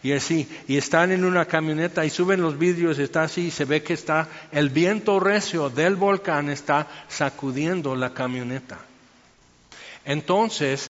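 A man's voice: a little high, long reverb tail, highs cut off. A man giving informal Bible teaching, chatty and storytelling, full of fillers.

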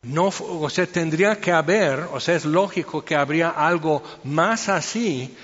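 A man's voice: a little high, unhurried, fairly bright tone, big-room sound, highs cut off. A man giving informal Bible teaching, chatty and storytelling, full of fillers.

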